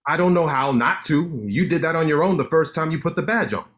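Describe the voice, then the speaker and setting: An actor plays a cocky, sharp-tongued male lawyer in a staged play reading, teasing his friend with quick banter in a natural, slightly high voice.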